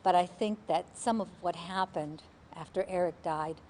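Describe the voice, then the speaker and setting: A woman's voice: on the low side, normal speed, warm tone, a little hiss or hum. A bereaved mother speaking thoughtfully in a documentary interview.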